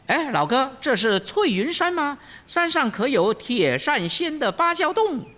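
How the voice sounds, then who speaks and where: A storyteller voicing the Monkey King, a brash, quick-tongued trickster, in a high, chirpy voice in a hall with long reverb. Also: big pitch swings, bright, forceful tone, exaggerated voice. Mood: polite. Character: cocky Monkey King, brash and fast-talking.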